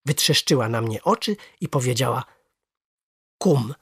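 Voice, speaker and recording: A storyteller reading a first-person children's story aloud with lively, expressive narration. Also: medium pitch, normal speed, breathy edge, no room sound, clean studio sound.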